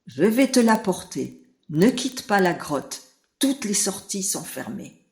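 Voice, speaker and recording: Lady putting on a bossy giant rat, sneering and loud, slow storybook delivery. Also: mid-range voice, very animated, roomy sound. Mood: gruff. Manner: harsh and mocking. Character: mean bullying giant male rat boss.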